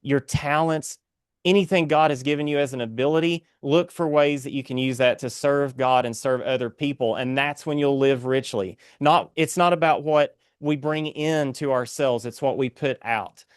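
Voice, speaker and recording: A man's voice: mid-range voice, moderate pace, clean tone, dry recording, clean studio sound. A man with an Appalachian accent speaking as a guest author in an earnest, inspirational interview, exhorting like a preacher.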